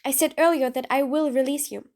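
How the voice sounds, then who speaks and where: A woman with a high, steady, slightly dark voice speaks a little fast as a sly, impatient supervillain in a scripted audio roleplay. Her delivery is theatrical and mocking, full of formal, wordy phrasing, and she sounds commanding and persuasive.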